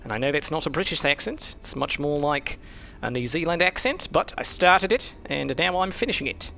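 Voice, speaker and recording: Bright-voiced man musing over a game. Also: on the high side, expressive, moderate pace, vocal fry, slight background noise. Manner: thinks aloud, muttering and musing. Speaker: streamer playing a mystery game. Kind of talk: casual let's-play commentary.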